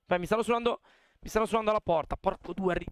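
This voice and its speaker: A man's voice: high-pitched, racing, a little hiss or hum. A young man chatting casually with his live-stream audience at a desk mic, chatty and swearing freely. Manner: chatty, swears a lot, talks to chat.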